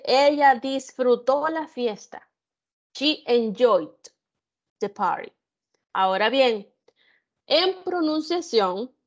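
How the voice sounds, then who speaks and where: Slow, careful woman tutor, lo-fi sound. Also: on the high side. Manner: slow, careful explaining with examples and questions. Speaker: English tutor. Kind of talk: online grammar lesson. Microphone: computer mic on an online class.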